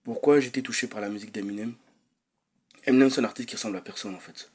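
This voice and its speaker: A young man rambles through a personal vlog, hesitant, circling back with fillers and restarts. His voice sits a little low and has a husky edge. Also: fast talker, a little mellow. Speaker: vlogger.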